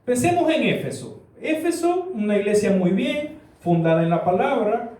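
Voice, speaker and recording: Man putting on patient old apostle, very high voice, echoey church room, far-off mic. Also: very animated, normal speed. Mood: explaining. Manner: patient, gently explaining. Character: the apostle Paul, patient older male advisor.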